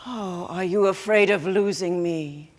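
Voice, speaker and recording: A woman's voice: on the low side, a little slow, big-room sound. A woman playing a fretful, easily shocked mother who pleads and repeats herself in a stage play. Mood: frantic. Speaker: actor.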